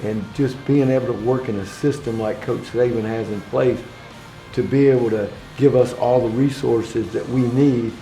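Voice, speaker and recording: A man from Alabama who coaches football speaks earnestly, stopping and restarting his thoughts. His voice is mellow and relaxed. The sound is roomy, with faint music underneath. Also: medium pitch. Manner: earnest, halting, many restarts. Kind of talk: interview soundbites.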